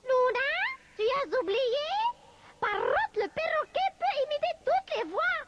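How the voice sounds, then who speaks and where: A plucky cartoon parrot that shifts into imitations of others. The voice is extremely high and swings widely, with slow delivery. It sits in a noisy recording. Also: female voice, sing-song, far from the mic, highs cut off, heavily acted. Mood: eager. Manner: mimicking another's commanding voice with squawky repeats. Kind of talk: children's cartoon acting.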